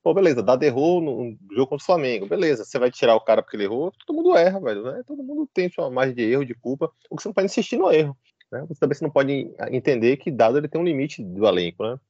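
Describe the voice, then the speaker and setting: A man chatting on a fan podcast, reasoning out loud in a relaxed, filler-heavy way. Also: medium pitch, rapid-fire, husky, no echo, highs cut off. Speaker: podcast co-host, football fan. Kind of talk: casual chat.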